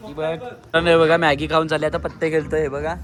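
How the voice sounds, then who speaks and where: A man's voice: a little high, level tone, fast. A man narrating a family trip vlog outdoors at night, chatty and always pointing things out to his viewers. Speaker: vlogger filming a family trip. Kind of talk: casual handheld vlog narration. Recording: music and crowd chatter behind.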